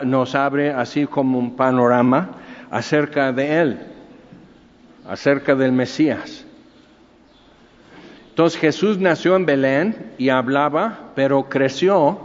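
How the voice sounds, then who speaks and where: Male pastor, unhurried chatty sermon delivery, muffled reverberant hall recording. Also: medium pitch. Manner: conversational preaching with asides and questions. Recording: dull sound with long hall reverb.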